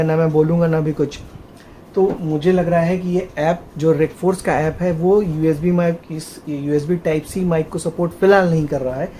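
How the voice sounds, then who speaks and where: A man talks through a gadget demo in a relaxed, halting way, often stalling on "uh" while he finds his words. His voice sits a little high for a man, and a faint hiss of background noise stays under it. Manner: hesitant, with frequent "uh" fillers, addresses viewers as friends. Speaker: tech tutorial host. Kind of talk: casual how-to demonstration.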